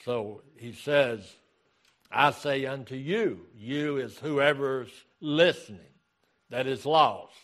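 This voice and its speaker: A male pastor delivering a sermon at an unhurried, measured pace, his voice sitting at an ordinary middle pitch. He reads scripture and leans on repeated phrases to drive each point home. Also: fairly bright tone. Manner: deliberate preaching, repeating key phrases.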